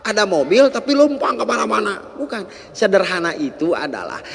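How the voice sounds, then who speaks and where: A male preacher, giving a lively storytelling sermon in casual slang. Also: high voice, fairly quick, vocal fry, slight background noise. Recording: echoey hall.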